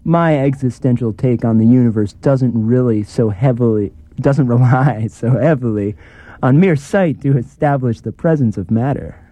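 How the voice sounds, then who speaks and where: Comedy audio role: dry, bookish explainer with a mellow tone, wordy and matter-of-fact played by a man. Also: medium pitch, moderate pace, no echo, close to an everyday voice. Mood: dryly pedantic.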